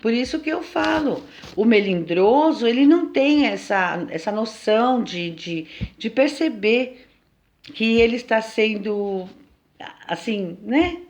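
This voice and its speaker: A woman with a Brazilian accent giving an informal spiritual lesson in a conversational, lively way, often checking in with her listeners. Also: on the high side, slow. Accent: Brazilian Portuguese. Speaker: teacher at a spiritual temple.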